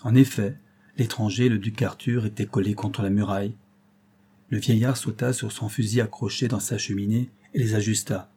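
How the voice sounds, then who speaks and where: A man reading a classic tale aloud as an audiobook, in a measured, dramatic manner. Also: lowish voice, fairly even intonation, dark tone, breathy edge. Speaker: audiobook reader. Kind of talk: scripted narration of a classic tale.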